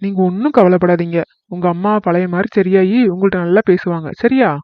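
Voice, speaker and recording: A fairly high, smooth-talking cartoon doctor, played by a man, calm on the surface but set on the fee. The sound is dry and a little dull. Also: brisk, no echo, close to an everyday voice. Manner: reassuring but money-minded.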